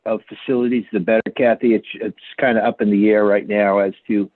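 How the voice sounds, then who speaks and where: Committee man dialed into a conference call, deep monotone, tinny dry phone sound, halting delivery. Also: dry recording. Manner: halting, repeats words. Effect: phone-line conference call audio. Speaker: committee member. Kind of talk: remote committee meeting.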